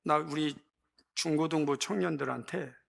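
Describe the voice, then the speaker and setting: A man preaching a sermon in church as pastor, switching between quiet talk and impassioned exhortation. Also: a little high, normal speed, gravelly. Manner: impassioned preaching, mimics voices.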